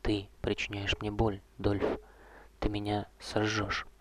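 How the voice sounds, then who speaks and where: A man doing a hushed old vampire courtier. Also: fairly low pitch, background noise, natural voice. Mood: sorrowful. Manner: soft, slow, hushed, often whispered. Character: old male vampire courtier, gentle, weary, ironic.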